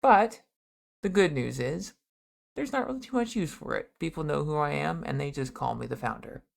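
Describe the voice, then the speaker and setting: A cheerful founder of a ragtag underground group, put on by a man, speaking in a gravelly voice pitched above his own. He tries for a thick Russian accent. A friendly host figure in a tabletop game. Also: lively intonation, moderate pace. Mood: genial.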